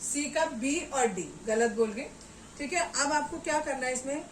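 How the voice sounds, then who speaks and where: A woman's voice: high-pitched, moderate pace, far from the mic. A woman maths teacher explains a lesson step by step, mixing English terms into her explanations and checking often that her students follow. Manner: patient, explains step by step, often asks "ठीक है" to check understanding. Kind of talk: classroom maths lesson at a board. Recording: roomy echo, voice away from the mic, faint background noise.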